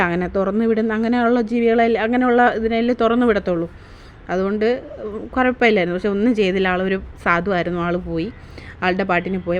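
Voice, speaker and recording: A woman's voice: mid-range voice, clean tone, highs cut off. A woman narrating her family day-out vlog in a casual, chatty way, often asking viewers to comment. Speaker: vlogger.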